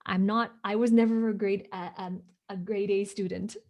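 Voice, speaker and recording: A woman from Hong Kong, not a native English speaker, tells her story as an interview guest in a mid-range, slightly mellow voice at normal speed with fairly even intonation. She's emphatic and keeps asking "right?" to get agreement.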